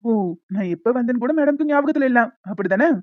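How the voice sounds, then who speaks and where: A woman voicing a stern but caring young man in an animated story, speaking in a firm, lecturing way. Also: high-pitched, no room sound, narrow, tinny audio. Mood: teasing. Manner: firm, lecturing, quick-talking.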